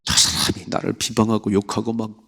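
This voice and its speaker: A male Korean pastor preaching at a dawn prayer service, with a low voice and a gravelly edge. He reads scripture aloud and then breaks into lively retellings, acting out the voices in the story. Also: brisk. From South Korea. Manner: animated, acts out the story's voices. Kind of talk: early morning prayer sermon.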